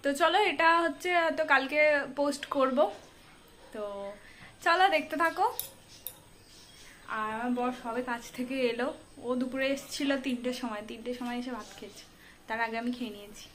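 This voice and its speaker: A woman's voice: high-pitched, brisk, long pauses, a bit bright. A young woman, chatting straight to her viewers as she records a casual home vlog. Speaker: vlogger. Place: at home, indoors and outdoors. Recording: noisy home phone recording.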